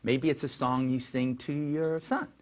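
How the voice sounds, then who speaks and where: A man of middling pitch hosts an interview. He asks his questions playfully and gently teases his guest. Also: fairly even intonation, unhurried, a little hiss or hum. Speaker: film critic hosting an interview show. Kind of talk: casual interview talk.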